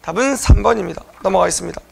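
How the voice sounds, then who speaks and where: A man's voice: high voice, rapid-fire, creaky, a little hiss or hum. A man teaching an online exam-prep lecture, explaining answers to viewers with frequent filler sounds.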